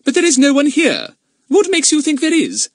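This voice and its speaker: A man voicing a stern, forbidding upper-class mother in an audiobook, speaking high and commanding. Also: wildly swooping pitch, normal speed, no room sound, studio quality, exaggerated voice. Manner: sharp, commanding, raised voice. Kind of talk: audiobook character voice.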